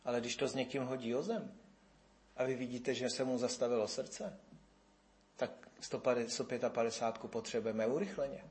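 A man, preaching a sermon and acting out the voices of the people he quotes. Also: mid-range voice. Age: 50s. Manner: animated, rises and falls in loudness, acts out quoted voices.

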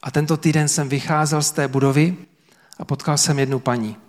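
A man preaching a sermon as pastor to a church congregation, earnest and emphatic with dramatic pauses. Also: a little high, fairly even intonation, in a large hall. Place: church service before about 300 people.

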